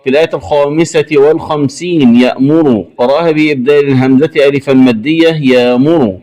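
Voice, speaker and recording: A man teaching Quran recitation variants, stating each rule briskly and then chanting the word slowly and drawn out. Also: medium pitch, mellow. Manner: brisk rule explanations broken by slow, drawn-out chanted words.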